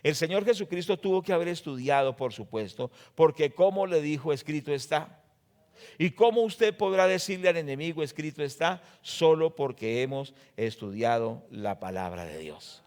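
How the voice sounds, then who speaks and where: Colombian pastor preaching emphatically. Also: male voice, animated, normal speed. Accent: Colombian Spanish. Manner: emphatic preaching, rises loud on scripture quotes, drops low to explain; asks the congregation rhetorical questions. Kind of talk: sermon. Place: church.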